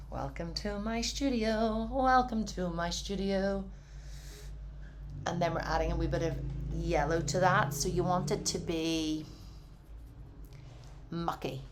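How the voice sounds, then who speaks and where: A woman's voice: low voice, slight background noise. A woman giving a casual, encouraging painting tutorial from her studio, chatty and often saying "wee". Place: home art studio.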